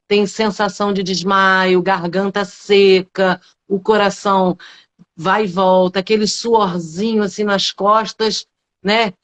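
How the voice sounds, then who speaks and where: Brazilian woman posing rhetorical questions. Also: medium pitch. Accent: Brazilian Portuguese. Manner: rhetorical questions, frequent tag questions. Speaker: public speaking coach, guest. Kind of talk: explanatory talk in a live interview.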